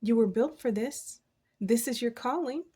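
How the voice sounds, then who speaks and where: A woman giving a casual, encouraging tarot reading from her desk, chatty and quick to laugh. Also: a little high, warm tone, husky. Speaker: tarot reader.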